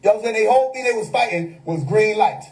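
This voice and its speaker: A man's voice: high-pitched, animated, quick pace, a little mellow, low-quality recording. A man, hosting a casual livestream monologue that preaches hidden meanings with wordplay and frequent laughter. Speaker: livestream host. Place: home.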